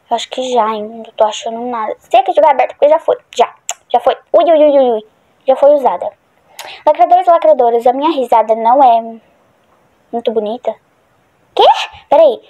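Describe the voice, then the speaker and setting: A woman's voice: sits high, mellow. A woman chatting casually through a horror game for her channel, rambling and easily startled. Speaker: gaming channel host. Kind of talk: casual gameplay commentary.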